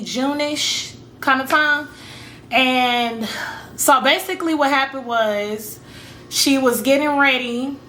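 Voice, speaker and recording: Bright-voiced chatty woman telling a story. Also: fairly high pitch, slight background noise. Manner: chatty, rambling, addresses viewers as y'all, acts out her own reactions. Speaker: storytime vlogger. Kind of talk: casual storytelling to camera.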